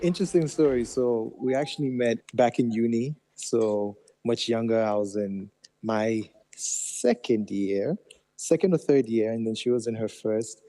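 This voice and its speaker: Young man from Nigeria, radio guest, cheerful storyteller, warm mellow tone. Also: mid-range voice, a little slow. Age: young adult. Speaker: interview guest. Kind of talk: radio interview.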